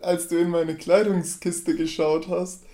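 A woman's voice: lowish voice, level tone, a little slow, mellow. A woman chatting casually, chiming in with asides to a co-host's story. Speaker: podcast co-host. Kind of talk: casual chat.

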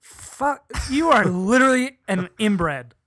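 A man's voice: sits high, animated, slow, fairly bright tone, no echo. A young man co-hosting a podcast, bickering playfully and explaining things with mock-scientific confidence. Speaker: podcast co-host. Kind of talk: casual chat.

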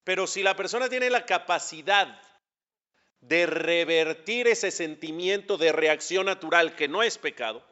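A man's voice: on the high side, unhurried, sharp tone, lo-fi sound. Emphatic Mexican man lecturing. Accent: Mexican Spanish. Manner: asks the audience questions, rises to emphatic peaks. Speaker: rabbi. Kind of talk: religious lecture.

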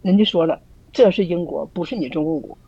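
A woman's voice: on the low side, quick pace, mellow, slightly rough, no room sound. Earnest woman with muffled lo-fi sound. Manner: earnest, rhetorical questions, frequent restarts. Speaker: church group member sharing. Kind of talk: casual spoken sharing.

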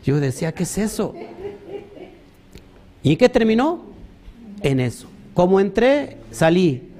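A man preaching a sermon, animated, asking rhetorical questions and mimicking other people. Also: sits high, a little slow.

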